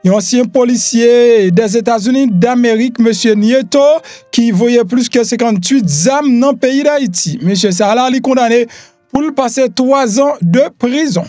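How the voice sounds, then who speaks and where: A man's voice: extremely high pitch, a little mellow, no room sound. A Haitian man hosting a news rundown, reading headlines loosely with frequent fillers. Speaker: news host.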